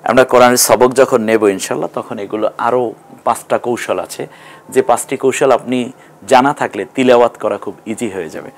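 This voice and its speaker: A man teaching a televised Quran reading class, patiently explaining and slowly sounding out each syllable. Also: medium pitch, steady tone. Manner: slow, drawn-out syllable-by-syllable sounding out. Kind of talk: TV classroom lesson.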